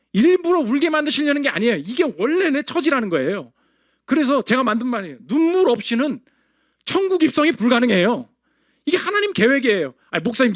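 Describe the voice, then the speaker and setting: A man's voice: very high-pitched, fairly bright tone, no echo, studio quality. A middle-aged male pastor preaching a sermon who keeps asking rhetorical questions and answering them himself. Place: church sanctuary.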